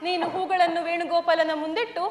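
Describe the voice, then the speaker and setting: A poor, loving mother in a stage play, soothing and sorrowful, as a woman acts her out. Her voice is very high. The sound is echoey, with faint music behind. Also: level tone, fast talker. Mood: tender.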